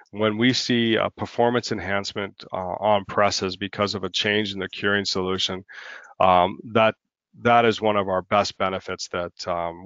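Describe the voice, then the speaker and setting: A marketing head presenting a business webinar, talking quickly with many ums and uhs. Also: male voice, a bit bright, clean tone, no room sound, dull audio. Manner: fast, filler-heavy business pitch.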